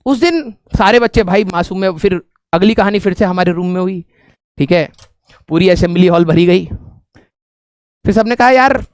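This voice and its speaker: High-pitched man telling a funny story. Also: no echo, clean studio sound. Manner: animated, laughs often, repeats "theek hai" as a filler. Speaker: teacher telling a story to students. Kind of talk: humorous classroom storytelling.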